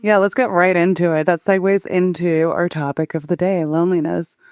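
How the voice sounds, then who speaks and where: A woman co-hosting a podcast while hoarse from laryngitis, playful and upbeat in casual chat. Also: on the low side, fairly even intonation, moderate pace, darkish tone, no room sound. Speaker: podcast co-host. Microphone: remote from the studio.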